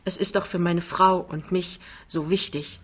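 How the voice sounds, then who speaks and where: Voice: medium pitch, fairly even intonation, unhurried, a bit bright. A reader voicing a timid, hesitant young clerk.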